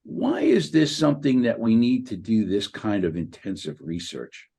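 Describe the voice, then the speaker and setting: Rambling interviewer, low voice. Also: male voice, sing-song, moderate pace, vocal fry, mellow, breathy edge. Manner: rambling, many fillers. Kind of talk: interview questions.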